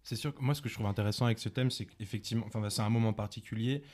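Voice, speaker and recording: A man co-hosting a casual music chat, thinking aloud and rambling in a relaxed, slangy way. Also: on the low side, rapid-fire. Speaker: podcast co-host.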